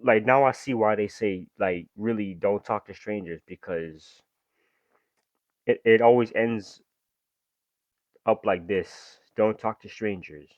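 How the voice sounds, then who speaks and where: A young man reads true-crime stories aloud and drops into loose, slangy commentary between passages. His voice sits fairly low. The recording is dry and a little dull, like a home mic with the highs rolled off. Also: slow pace, long pauses, no echo. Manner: reads story aloud, then breaks off into slangy asides. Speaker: reaction video host. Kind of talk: casual reaction commentary.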